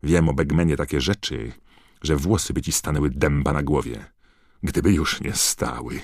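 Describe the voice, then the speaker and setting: A man's voice: deep voice, very animated, slow pace, darkish tone, no echo, studio quality, voice pushed up, full character voice. A man voicing a scheming, fawning female gossip reporter in an audiobook, pushy and sly. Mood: cold. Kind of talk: audiobook character voice.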